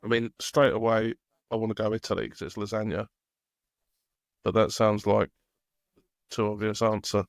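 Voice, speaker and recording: Casting: co-host, dry teasing wit, gravelly voice, close dry sound. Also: male voice, on the low side, flat delivery, moderate pace, pauses often, dry recording. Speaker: podcast co-host. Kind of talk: casual chat.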